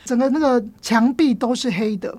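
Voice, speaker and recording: A woman with a Taiwanese Mandarin accent, a teacher telling stories as a podcast guest in an expressive way. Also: a little high, normal speed, dry recording. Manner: lively, expressive storyteller. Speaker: guest, elementary school teacher. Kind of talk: storytelling in a podcast interview.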